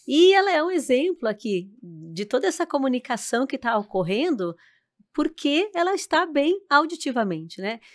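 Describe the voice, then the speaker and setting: A woman, a speech and hearing therapist, explaining hearing loss on a podcast in a measured way, often adding "né?" tags. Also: high-pitched, big pitch swings. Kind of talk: explanatory guest chat.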